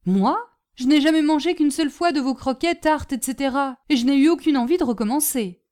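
Woman voicing a bullied young schoolboy, plaintive, high voice. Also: fairly quick, a little mellow, natural voice. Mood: indignant.

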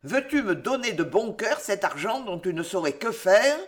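A reader playing an old miser who growls and sneers at his nephew, scornful and threatening. His voice is rough with scorn in this audiobook scene. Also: medium pitch, sing-song, normal speed, close to an everyday voice. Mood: growling. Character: miserly old man, menacing, bony-fingered.

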